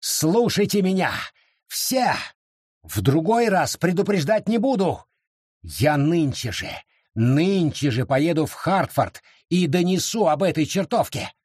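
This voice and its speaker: A man's voice: sing-song, unhurried, husky, no room sound, clean studio sound, exaggerated voice. A man voicing a furious grown man who shrieks accusations of witchcraft. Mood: threatening. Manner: shrill, frantic shouting.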